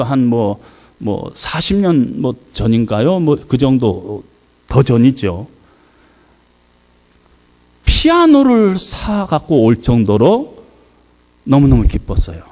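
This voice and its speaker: Animated middle-aged Korean preacher, higher voice. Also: male voice. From South Korea, Yeosu area. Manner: animated, swings from hushed to loud emphatic peaks, frequent hesitation fillers. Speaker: guest pastor. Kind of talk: revival sermon with personal storytelling. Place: church sanctuary.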